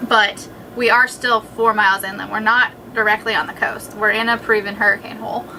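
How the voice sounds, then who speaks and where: A woman's voice: mid-range voice, steady tone, fairly quick, pushed and bright. A woman chatting casually to the camera as a liveaboard sailor hosting a vlog. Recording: noisy boat recording with windy ambience.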